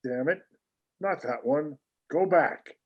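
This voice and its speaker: A man's voice: on the high side, takes it slowly, dull audio. An actor playing a grumbling, sarcastic aging watch repairman in a script reading. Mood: exasperated. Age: older. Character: grumpy aging male watch repairman, weary.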